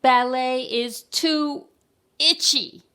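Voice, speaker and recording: A woman voicing a cranky little girl from a storybook in loud, whiny, shouted outbursts. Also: sits high, steady tone, very slow, pitched above the performer's own voice, exaggerated voice.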